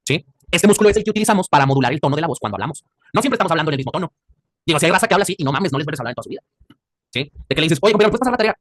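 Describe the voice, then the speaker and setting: A man's voice: on the high side, animated, very fast, no room sound. A man with a Mexican accent teaching an anatomy class, quizzing his students and joking in crude slang. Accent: Mexican Spanish. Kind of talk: classroom lecture.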